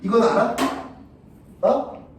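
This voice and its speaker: A male math teacher lectures his class bluntly and crudely, repeatedly checking whether the students are following. He speaks slowly, and the recording is echoey and distant, with slight background noise.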